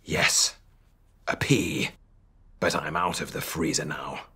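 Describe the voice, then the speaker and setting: A man's voice: a bass voice, fairly even intonation, slow, pushed and bright, slightly rough, heavily acted. A man voicing a cheeky, naughty little green villain pea in a storybook reading, with a taunting drawl. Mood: gloating.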